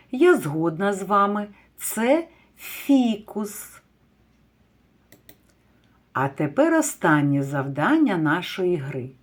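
A woman teaching a kindergarten class, reading words out one by one and praising the children gently. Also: deep voice, breathy edge. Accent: Ukrainian. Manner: drawn-out word-by-word dictation with gentle praise. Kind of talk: slow, deliberate lesson for young children.

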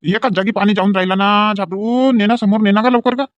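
A man, acting in a rustic comedy sketch and shouting quick repeated orders. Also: high voice, flat delivery, no room sound. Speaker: comic actor in a village sketch. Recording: dull lo-fi recording.

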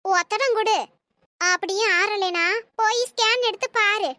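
A woman's voice: very high-pitched, unhurried, pushed and bright, no room sound, clean studio sound, full character voice. A woman voicing a gloating, nosy woman who phones a mother in a storybook drama. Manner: mocking.

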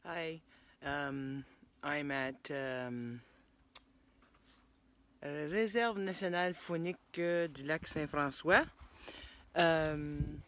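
A middle-aged woman chatting casually on a nature trail, rambling with lots of fillers, recorded on a phone held at arm's length outdoors. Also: deep voice. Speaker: hiking vlogger. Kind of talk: casual chat.

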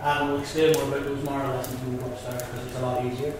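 A Northern Irish man with a Belfast accent works as a Freemason guide, explaining things to visitors in a casual, blunt way. His mid-range voice is flat and racing. He's recorded from far off in an echoey hall with background noise.

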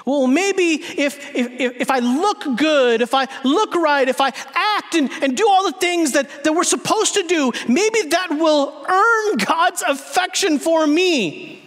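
A man in his thirties preaching a sermon on a large church stage, animated, acting out voices and moving between loud and hushed delivery. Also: extremely high pitch, a little slow, long reverb tail. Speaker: guest preacher.

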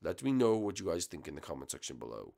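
A man's voice: low-pitched, very animated, fast talker, creaky, dark tone, exaggerated voice. A man voicing a blustery reptile king who hosts a homemade puppet comedy, talking to the camera in a mock-dramatic way. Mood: hosting. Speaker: host.

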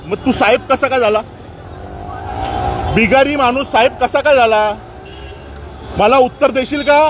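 A man angrily confronting municipal workers outdoors, scolding and demanding answers while streaming live on his phone. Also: extremely high pitch. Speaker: citizen confronting municipal staff. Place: outdoors on a busy street. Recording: street traffic noise behind.

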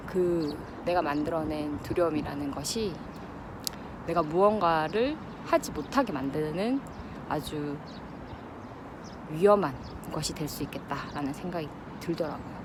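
A woman's voice: low-pitched, animated, a little slow. A woman in her thirties talks casually and reflectively to her vlog audience while running outdoors, breathing with some effort between phrases. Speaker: vlogger. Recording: noisy outdoor ambience with wind or traffic.

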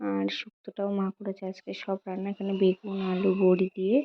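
A young woman chatting casually as she films a home lifestyle vlog, narrating her day in a soft, chatty way. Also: medium pitch, monotone, brisk. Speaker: lifestyle vlogger. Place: home, kitchen and rooftop. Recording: dull lo-fi phone audio with faint music.

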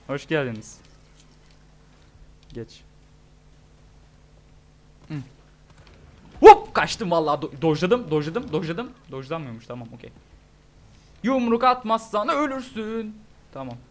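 A young man giving excitable, joking let's-play commentary, shouting at the game. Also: a little high. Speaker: gaming YouTuber.

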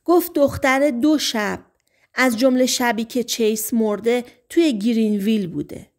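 A woman's voice: on the high side, a little mellow, natural voice. A woman voicing an eager male small-town deputy in an audiobook, dropping her voice to report what he has heard.

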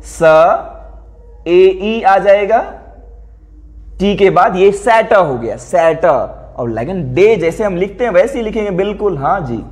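A man teaching English phonemic transcription at a board. He keeps asking his pupils questions and repeats each word slowly. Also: sits high, big pitch swings, a little mellow. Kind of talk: classroom board lesson.

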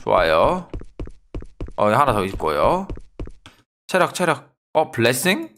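A young man giving excitable let's-play commentary, yelling at enemies and joking with viewers. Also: medium pitch, slow pace, slight background noise. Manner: excitable, yells and trash-talks the game. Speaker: gaming YouTuber.

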